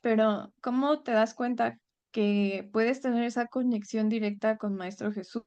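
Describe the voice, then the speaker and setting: A woman's voice: on the high side, fairly even intonation, unhurried, a little mellow, smooth, no echo. A woman hosting a podcast, asking her guest questions in casual chat. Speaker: podcast host. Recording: dull dry sound.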